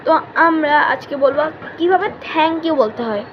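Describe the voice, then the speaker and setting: A woman teaching English to kids in a casual online lesson, repeating each phrase slowly for practice. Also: high voice, expressive, muffled recording, a little hiss or hum.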